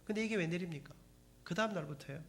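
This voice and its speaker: A man's voice: high-pitched, quick pace. A middle-aged man with a Gyeongsang Korean accent, giving a church testimony as dramatic storytelling to the congregation. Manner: animated dramatic storytelling, addresses audience. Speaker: speaker giving a faith testimony.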